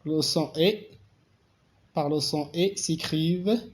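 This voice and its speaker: A Moroccan man teaching a French grammar lesson, explaining slowly and repeating each word. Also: fairly high pitch. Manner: slow, repetitive explanation, reading French aloud.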